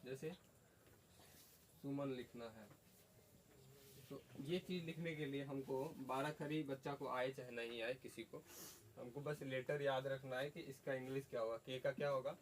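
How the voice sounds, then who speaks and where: A man teaches a classroom lesson, asking students questions and repeating their answers back. His medium-pitched voice is fairly even in intonation at normal speed, with long pauses. There's faint background noise.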